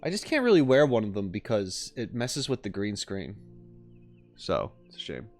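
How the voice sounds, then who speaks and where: With music behind him, a man hosts his game reaction livestream from a home green-screen setup, chatting casually and rambling with self-deprecating jokes. His fairly low, darkish voice swings widely in pitch, and he speaks at a moderate pace.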